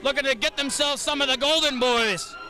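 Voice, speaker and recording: A man's voice: very high voice, brisk. A man giving live play-by-play commentary at a wrestling show. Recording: loud crowd and music behind. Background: loud crowd and music.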